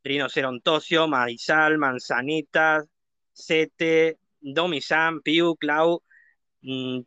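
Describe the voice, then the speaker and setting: A man hosts a live show in a bright, forceful voice pitched a little high. He is playful and rattles through long lists of names, and the sound is close and dry. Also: fairly even intonation, slow pace, clear, resonant tone, no echo, dull audio. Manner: playful, reads a long name list at speed. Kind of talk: casual live-stream chat.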